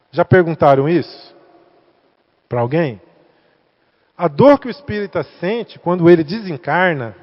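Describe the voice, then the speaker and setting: A man with a Brazilian Portuguese accent gives a spiritist talk to center workers, chatting and asking the audience questions. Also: high voice. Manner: conversational, asks the audience questions. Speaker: guest speaker. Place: spiritist center meeting hall. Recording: echoey hall, dull lo-fi sound.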